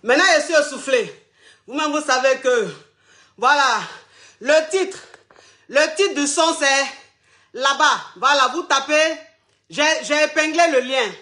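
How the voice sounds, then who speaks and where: Very high-voiced, breathless man. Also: takes it slowly, long pauses, pushed and bright. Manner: flamboyant, teasing, laughs often, calls viewers "my loves". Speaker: online show host. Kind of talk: playful live chat with viewers.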